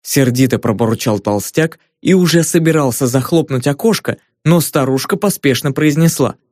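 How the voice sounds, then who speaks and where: A man's voice: medium pitch, normal speed, no room sound, clean studio sound. Man reading a fantasy audiobook. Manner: lively, expressive reading. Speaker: audiobook narrator. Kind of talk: scripted fantasy audiobook narration.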